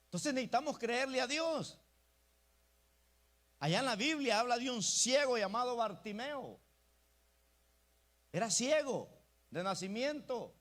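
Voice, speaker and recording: A man's voice: extremely high pitch, animated, measured pace, long pauses, fairly bright tone. A male pastor preaching an emphatic sermon, often calling out to the congregation as brothers. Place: church.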